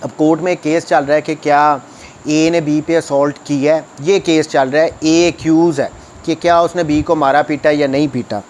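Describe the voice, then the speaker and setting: Speaking in a fairly high but darkish voice, this Pakistani-accented man keeps a steady tone and a moderate pace. He reads out statutes and restates them in his own words, driving key points home through repetition like a teacher. Slight background noise can be heard.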